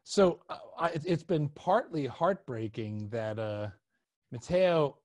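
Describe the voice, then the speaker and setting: Slightly high yet darkish in tone, this middle-aged man talks slowly with lively intonation, his voice dry with no room sound. He hosts a relaxed podcast interview from a small indoor room with a couch, speaking close to a boom mic and wearing a headset.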